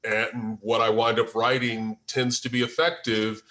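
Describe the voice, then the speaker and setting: On a group video call after a table read, an American man talks informally about his work as a writer, frequently groping for the right words. He's a screenwriter and first-time filmmaker, speaking a little slowly in a mid-range, fairly bright voice with a level tone.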